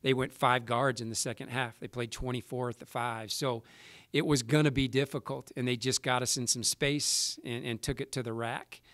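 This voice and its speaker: A man in his forties, a basketball coach answering reporters after a game at a table mic, measured and halting with many restarts. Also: mid-range voice, steady tone, fairly bright tone, no room sound, clean studio sound. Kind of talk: post-game press conference answers. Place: press room with sponsor backdrop. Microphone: table mic in front.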